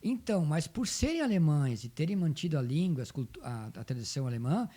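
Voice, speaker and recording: This man's voice sits fairly high, with wide pitch swings, a brisk pace and a dark tone. He's an interview guest who coordinates a folk dance group, speaks with a southern Brazilian accent from Rio Grande do Sul, and tells stories conversationally, repeating phrases for emphasis.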